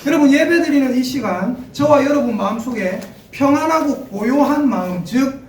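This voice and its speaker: Male pastor, sermon, animated delivery, humorous, distant mic, faint background hum. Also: extremely high pitch, moderate pace. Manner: lively, humorous storytelling with laughs and audience questions. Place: church sanctuary. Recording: echoey church hall from far off.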